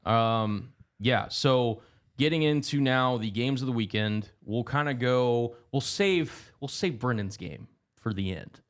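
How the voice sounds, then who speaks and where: A young man co-hosting a casual sports podcast, running through rankings in a quick broadcaster's manner. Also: mid-range voice. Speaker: podcast co-host.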